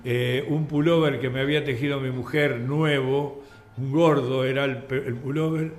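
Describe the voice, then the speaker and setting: An older man with an Argentine accent, a radio guest telling anecdotes in a lively way and acting out the voices in his stories. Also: medium pitch, moderate pace. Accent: Argentine Spanish. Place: radio studio. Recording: roomy radio studio with faint music.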